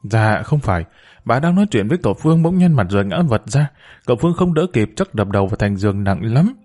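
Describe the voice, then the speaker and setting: A man's voice: lowish voice, sing-song, quick pace, darkish tone. A man voicing a panicked female housekeeper reporting bad news. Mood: flustered. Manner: flustered, urgent.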